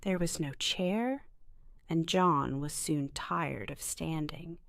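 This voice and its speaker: A woman narrating a story slowly and clearly for English learners, with an expressive reading voice. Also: low-pitched, dry recording, studio quality.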